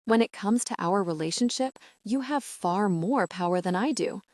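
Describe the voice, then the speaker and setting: A woman's voice: mid-range voice, moderate pace, a little mellow, no room sound, studio quality, lightly acted. A woman voicing an intense, protective, dominant billionaire man who speaks tenderly and earnestly.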